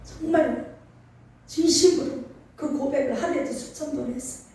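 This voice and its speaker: A middle-aged woman pastor with a Chungcheong Korean accent preaches in a lively, emphatic way, calling for answers from the congregation. Her high voice comes from a distance across a very echoey church hall. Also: normal speed, a little hiss or hum. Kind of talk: sermon. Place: church sanctuary.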